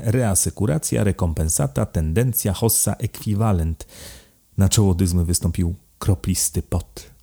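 A man calmly narrating a novel as an audiobook. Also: sits low. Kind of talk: scripted narration.

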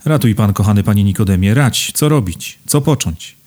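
A man's voice: mid-range voice, fairly quick, mellow, voice pushed up, natural voice. A man voicing a fawning, panicky older businessman who lisps and pleads for help in an audiobook. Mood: desperate. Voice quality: lisping. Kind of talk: audiobook character voice.

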